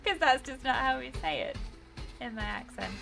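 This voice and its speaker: A woman's voice: high voice, expressive, normal speed, creaky, a bit bright, soft background music, low-quality recording. A British woman chatting casually while streaming a game, rambling and laughing often. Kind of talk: casual gameplay commentary.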